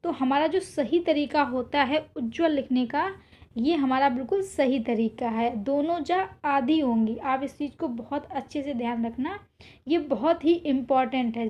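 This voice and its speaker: A woman with a high voice runs an exam-prep spelling lesson. She draws each word out slowly and says it more than once. She keeps telling her students to remember it. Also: lo-fi sound. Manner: repetitive, drawn-out spelling of words; reminds students again and again. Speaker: teacher.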